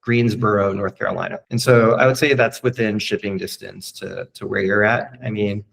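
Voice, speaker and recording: A man with a lowish, gravelly voice talks through a business model in a frank, casual consultation. He explains step by step and keeps checking in with quick rhetorical questions. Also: steady tone, a bit bright, poor audio. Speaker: host and coach.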